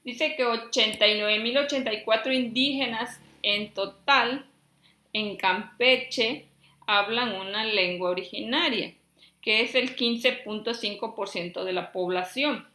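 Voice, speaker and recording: A woman from Chiapas, Mexico, teaching a class and reading out long lists slowly, checking in with her students as she goes. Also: fairly high pitch, sharp tone. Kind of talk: classroom lesson. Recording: echoey room.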